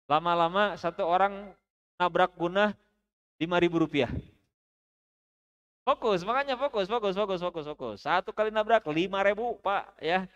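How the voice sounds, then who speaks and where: A man teaching Quran recitation at a mosque study session, chatty and joking, drilling the audience with slow, drawn-out recitations. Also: high-pitched, a bit bright, clear, resonant tone, muffled recording.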